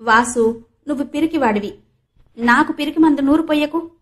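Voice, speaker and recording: A woman voicing a spirited, headstrong young woman who talks in a lively, playful way in an audiobook. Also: high-pitched, normal speed, lightly acted.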